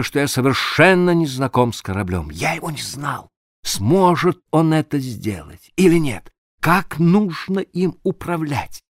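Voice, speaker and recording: A man reading a literary audiobook aloud in a dramatic, expressive way, sometimes dropping to a hush. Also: medium pitch, no room sound, clean studio sound. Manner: expressive, dramatic reading with sudden hushed drops. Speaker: audiobook narrator.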